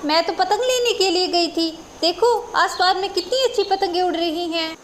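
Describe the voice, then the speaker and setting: A woman's voice: very high-pitched, moderate pace, a little hiss or hum. A woman voicing a curious, playful little village girl who chatters with wonder in a storybook tale. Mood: cheerful. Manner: excited, wondering.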